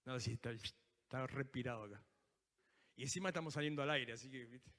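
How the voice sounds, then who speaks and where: A man preaching a sermon with a Rioplatense Spanish accent, acting out quoted prayers with lively asides. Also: mid-range voice, a little fast. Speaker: pastor. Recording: live church service in a reverberant hall.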